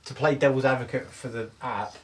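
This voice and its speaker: A man's voice: mid-range voice, fairly even intonation, a little fast. A man working as a paranormal investigator, talking in a casual, conversational way. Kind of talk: casual chat. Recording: distant from the microphone.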